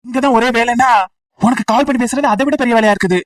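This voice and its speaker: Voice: mid-range voice, quick pace, distant mic, natural voice. A voice actor doing a cursing, fed-up young guy. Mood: exasperated. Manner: shouting insults, exasperated. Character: angry young male student, blunt and cursing. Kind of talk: comic voice acting.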